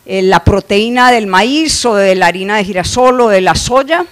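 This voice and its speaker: At a moderate pace and in a medium-pitched, fairly bright voice, a middle-aged woman from Colombia lectures on poultry nutrition at a conference hall. Her accent is Colombian Spanish, and she explains slides with lots of "eh" and restarts.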